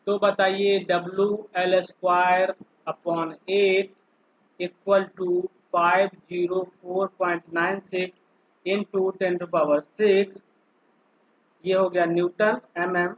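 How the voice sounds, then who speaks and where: Over phone-quality sound with a slight hiss or hum, a polytechnic lecturer with a high-pitched, flat voice leads an online engineering class. He goes slowly and methodically, asking students questions throughout.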